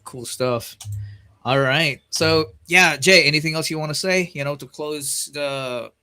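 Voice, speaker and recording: A laid-back man hosting a casual livestream. His voice is bright and forward. He talks easily and calls his guest bro. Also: on the high side, a little slow, smooth. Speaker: livestream host.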